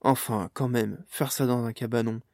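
A man's voice: medium pitch, fairly even intonation, gravelly, darkish tone, dry recording, clean studio sound, lightly acted. A man doing a stammering awkward man. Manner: stammering, halting. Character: awkward flustered man, hesitant.

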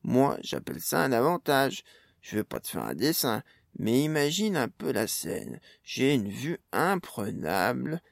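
A man's voice: mid-range voice, big pitch swings, a little slow, creaky, no room sound, studio quality. A man voicing a cheeky, blunt male gnome with a casual way of talking.

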